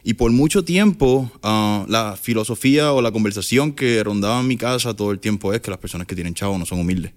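A fairly low-pitched man in his thirties with a Puerto Rican accent speaks as an interview guest. He talks casually and frankly, slips English words in and restarts his sentences. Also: brisk, hardly any pauses. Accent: Puerto Rican Spanish. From Puerto Rico. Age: 30s. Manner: mixes English words, many restarts and fillers. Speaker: guest entrepreneur.

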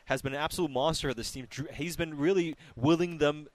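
A man's voice: fairly high pitch, brisk, dry recording. A man hosting a live post-game sports talk show on the radio.

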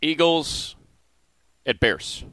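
An older man co-hosting a casual football chat, excitable, repeating numbers for emphasis and restarting his sentences, with the hiccups. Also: fairly high pitch, extremely slow, no echo. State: has the hiccups. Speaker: sports podcast co-host. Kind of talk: casual sports analysis chat.

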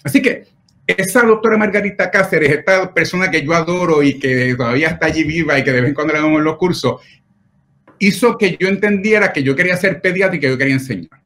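A middle-aged man with a slightly raised pitch, speaking as a pediatric doctor in an interview. He tells his stories earnestly and with visible feeling, often checking in with short tag questions. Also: fast talker, a bit bright. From Puerto Rico. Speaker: pediatric nephrologist. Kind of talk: personal storytelling in an interview.

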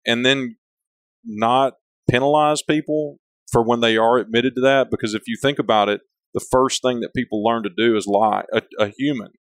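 Here a man who leads a company is the guest in a relaxed interview, speaking openly with a big voice and a big personality. His pitch is medium, his tone steady, his pace moderate. He wanders and often restarts what he's saying, and the recording is dry.

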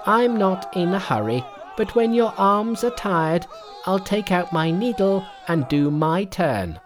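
A performer doing a high-pitched, brash monkey king. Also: expressive, a little slow, over music, close to an everyday voice. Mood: cocky. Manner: cocky, taunting, defiant. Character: brash, boastful monkey king turned priest. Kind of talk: storybook character voice.

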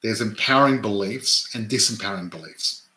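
Male co-host, raised in Adelaide, chatty, self-correcting, bright tone, roomy echo. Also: on the low side, fairly quick. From Australia (Adelaide). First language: not English; parents were immigrants. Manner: chatty, tags statements with "right?", many restarts. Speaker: podcast co-host, real estate investor. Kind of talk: casual chat.

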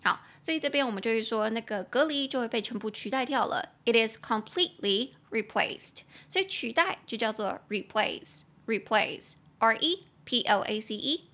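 Taiwanese lady in her 20s, kinda high voice, chatty podcast english lesson, repeats words a lot. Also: lively intonation, fairly bright tone. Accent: Taiwanese Mandarin. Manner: chatty, explains words slowly and repeats them. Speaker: English teacher podcast host.

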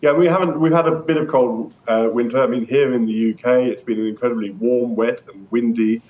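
A man speaking as an interviewed energy expert, explaining in a measured way with some hesitant repeats. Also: steady tone. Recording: muffled remote line with rumbling noise.

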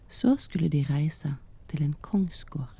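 A man tells a fairy tale slowly in a soft, half-whispered voice meant to relax the listener. His tone is very dark and mellow, with a husky, gravelly texture. The pace stays calm and unhurried. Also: fairly high pitch. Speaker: storyteller. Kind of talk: slow whispered storytelling for relaxation.

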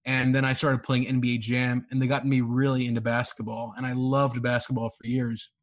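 A man's voice: mid-range voice, flat delivery, brisk. A man in his thirties from Texas and Pakistan, a journalist telling his story as a podcast guest in an easygoing, expansive way. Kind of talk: interview storytelling.

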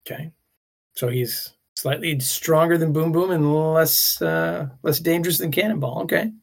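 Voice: medium pitch, moderate pace, creaky. A podcast co-host in casual chat, playful and teasing.

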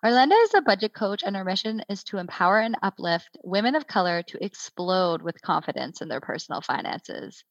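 A woman's voice: medium pitch, big pitch swings, brisk, few pauses, no room sound, highs cut off. Upbeat woman podcast host, dry sound. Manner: upbeat, welcoming. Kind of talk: scripted podcast intro and interview. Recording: dry close recording with faint music.

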